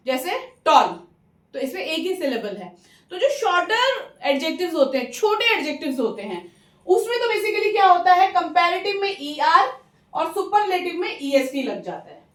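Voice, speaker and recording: A high, light-voiced woman with an Indian accent gives a patient grammar lesson, walking through each rule step by step. She checks in with the listener often and slows right down on example words. The sound is roomy, with the mic set a little way off. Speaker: English grammar teacher. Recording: roomy, mic some distance away.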